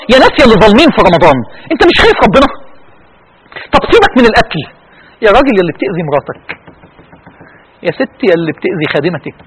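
Egyptian male preacher, very high and lively voice, impassioned and pleading sermon delivery. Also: a little hiss or hum, low-quality recording. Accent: Egyptian Arabic. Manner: impassioned, pleading, voice breaking with emotion.

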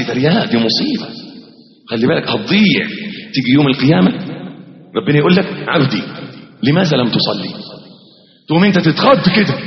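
A man preaching a lively sermon with an Egyptian accent. He swings from loud exclamations to soft asides and acts out little dialogues. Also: high voice. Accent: Egyptian Arabic. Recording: echoey, reverberant, dull lo-fi hall recording.

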